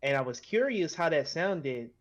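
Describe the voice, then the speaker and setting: A man's voice: a little high, sing-song, normal speed. A man co-hosting a podcast in casual, slangy conversation about anime. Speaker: podcast co-host.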